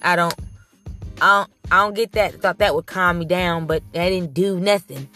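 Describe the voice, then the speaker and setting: A woman telling a story in a casual, comic way, animated and blunt, swearing freely and often restarting her sentences. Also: fairly low pitch, normal speed, soft background music. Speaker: storyteller recounting her childbirth. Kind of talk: casual comedic storytelling to camera.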